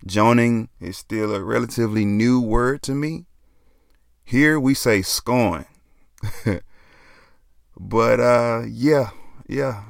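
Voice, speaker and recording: A man's voice: mid-range voice, takes it slowly, vocal fry, long pauses, no echo, clean studio sound. A young man, talking casually as a podcast host, laid-back and joking, often dropping "man". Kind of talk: casual solo podcast talk.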